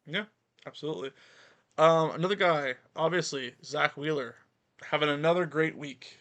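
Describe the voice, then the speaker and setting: A man's voice: fairly high pitch, moderate pace, a bit bright. A young man co-hosting a baseball podcast, chatting casually, reeling off stats and poking fun at himself. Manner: chatty, self-deprecating, rattles off stats. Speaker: podcast co-host. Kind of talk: casual sports podcast chat.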